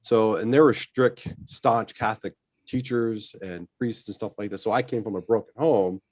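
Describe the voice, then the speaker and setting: A man telling lively stories as a guest in a casual chat, often laughing as he talks. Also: fairly low pitch, moderate pace, no echo. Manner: animated storyteller, laughs while telling stories.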